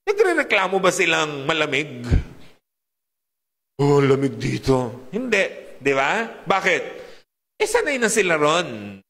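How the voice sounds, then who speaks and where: A man preaching a sermon in a lively, rhetorical way, often putting questions to his congregation. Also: a little high, long reverb tail.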